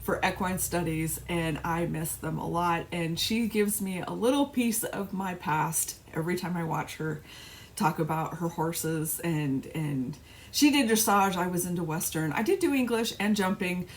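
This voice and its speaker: A woman's voice: lowish voice, a little slow. A middle-aged woman chatting casually on her cross-stitch vlog, rambling with restarts and little laughs. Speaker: flosstube vlogger. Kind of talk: casual chat.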